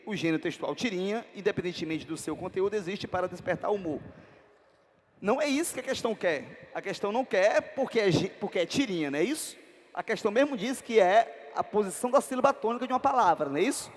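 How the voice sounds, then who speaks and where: High-voiced Brazilian male teacher. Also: big-room sound. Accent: Brazilian Portuguese. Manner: peppers talk with tag questions. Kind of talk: exam prep lecture.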